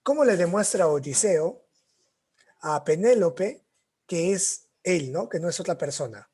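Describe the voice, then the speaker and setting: Peruvian man, young, literature teacher, husky and a bit high, story-telling lecture style. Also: lively intonation, measured pace, darkish tone. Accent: Peruvian Spanish. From Peru. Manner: retells stories with quoted voices, tag questions after most phrases. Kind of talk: classroom lecture.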